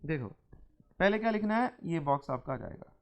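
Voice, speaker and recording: High-pitched lecturer reading slowly. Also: male voice, very animated, creaky. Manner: reads English lines slowly, then explains them in Hindi. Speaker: teacher. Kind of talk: classroom lecture.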